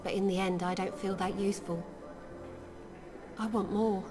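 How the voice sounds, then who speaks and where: An actress voicing an earnest young nurse, idealistic but worn down, in game dialogue. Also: female voice, medium pitch, fairly even intonation, moderate pace, close to an everyday voice. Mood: wistful. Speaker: nurse character. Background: game music.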